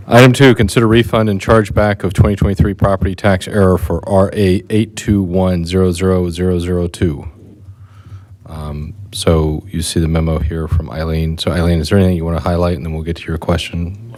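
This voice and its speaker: A man who is a village board president, running a public meeting in a brisk, procedural way with quick asides. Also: sits low, a little mellow, poor audio.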